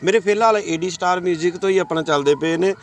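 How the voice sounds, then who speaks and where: A man's voice: high voice, fast talker. A young man, a singer, answering interview questions casually and modestly, leaning on filler phrases. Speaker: singer and actor, interview guest.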